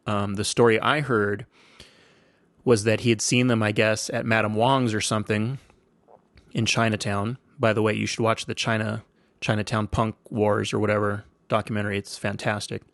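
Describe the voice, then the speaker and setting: A man's voice: on the low side, no echo. A man in his forties hosting a podcast, telling casual stories in a laid-back, slangy, rambling way. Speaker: podcast host. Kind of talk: casual storytelling monologue.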